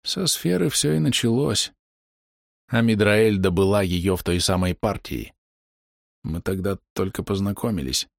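A man voicing a dying young male archer whose quiet, strained speech is wry and fading. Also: sits low, lively intonation, unhurried, creaky, dry recording, clean studio sound, exaggerated voice. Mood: weak, wry. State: weak, coughing up blood.

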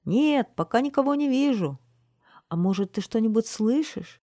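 A woman voicing an excited little boy who calls down from a tower in a storybook reading. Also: normal speed, no room sound, studio quality. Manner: high, eager calling out.

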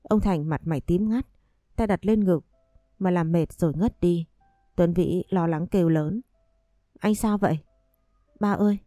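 A woman narrating a scripted story in a calm, even reading voice. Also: fairly low pitch, normal speed, dry recording, clean studio sound, soft background music.

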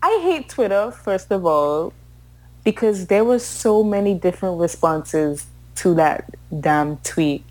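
A woman's voice: medium pitch, animated, takes it slowly, darkish tone, low-quality recording. A woman co-hosting a casual podcast chat, opinionated, swearing freely and often laughing as she talks. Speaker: podcast co-host.

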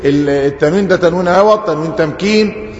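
A man's voice: fairly high pitch, quick pace, a little hiss or hum. A man with an Egyptian accent, a sheikh teaching an Arabic grammar lesson, who poses questions to the class and answers them himself. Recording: echoey hall, dull lo-fi sound.

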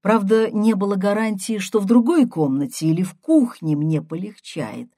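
A woman reading a first-person story aloud as an audiobook in a measured, unhurried way. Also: medium pitch, animated, warm tone, no echo, studio quality. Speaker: audiobook reader.

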